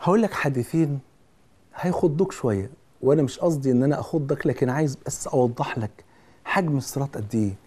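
A man's voice: medium pitch, fast, darkish tone. A man with an Egyptian Arabic accent preaching a sermon, earnest and speaking straight to the listener with repeated pleas.

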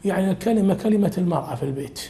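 A man's voice: high-pitched, racing, warm tone. A man teaching a religious lesson as a sheikh, explaining an old text with humorous asides.

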